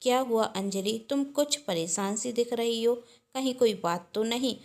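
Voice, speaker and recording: A woman voicing a tired young husband back from the office, gently and concernedly questioning his wife in a storybook reading. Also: fairly high pitch, moderate pace, lightly acted.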